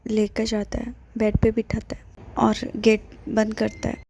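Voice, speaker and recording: Woman retelling a drama story, kinda husky and gravelly, pretty flat delivery. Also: medium pitch. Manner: relaxed retelling with fillers and English words. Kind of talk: casual narration retelling a drama.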